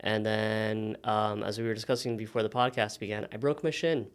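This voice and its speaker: A man in his thirties from Miami, a native Spanish speaker, telling stories as a podcast guest with relaxed "um" pauses. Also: fairly low pitch, clean tone. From Miami, United States. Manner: relaxed storytelling with frequent "um" pauses. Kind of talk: casual interview conversation.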